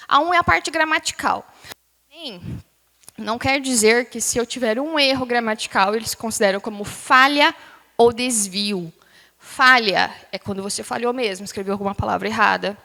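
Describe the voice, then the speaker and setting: A woman teacher gives a lively review lecture to a class, often questioning students and drawing out words. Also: a little high, vocal fry. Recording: long hall reverb.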